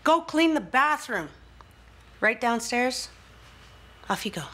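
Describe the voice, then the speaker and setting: A woman's voice: a little high, expressive, slow pace, bright, forceful tone, heavily acted. An actress playing a stern, sarcastic middle-aged stepmother in a TV comedy-drama, commanding like a wicked stepmother. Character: stern stepmother ordering chores, wicked stepmother manner. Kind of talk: television comedy-drama acting.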